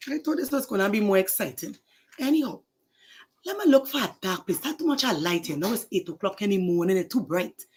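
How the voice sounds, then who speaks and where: A woman's voice: mid-range voice, animated, a little fast, a little mellow, breathy edge. A woman voicing a mischievous little girl who sneaks matches, sly and giggly with whispered asides. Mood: curious.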